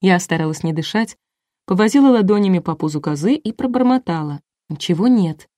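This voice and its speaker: A woman's voice: lowish voice, expressive, brisk, warm tone, dry recording, clean studio sound. A woman narrating a first-person audiobook in a wry, ironic storytelling manner.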